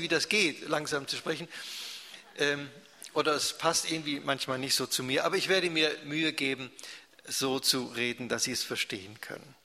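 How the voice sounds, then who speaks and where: Guy reading stories live, gravelly bright voice, quick, echoey hall. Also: fairly high pitch. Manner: fast talker, chatty with fillers. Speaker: author reading his own stories. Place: church hall before an audience.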